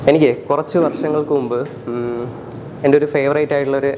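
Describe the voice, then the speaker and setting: A man works a crowd outdoors as a street mentalist, guiding volunteers in a calm, coaxing tone. His voice sits at an ordinary middle pitch. Clear street noise runs behind him. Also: a little fast. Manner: calm, coaxing, repeats soothing instructions. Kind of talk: street performance patter with spectators. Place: outdoors in public.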